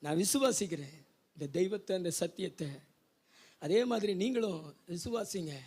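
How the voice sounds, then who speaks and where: High-voiced pastor preaching fervently. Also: male voice, animated, moderate pace, slightly rough. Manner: swings from quiet urging to loud shouted declarations; high-pitched, repeats phrases for the congregation to echo. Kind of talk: Pentecostal sermon with call-and-response. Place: church service before a congregation.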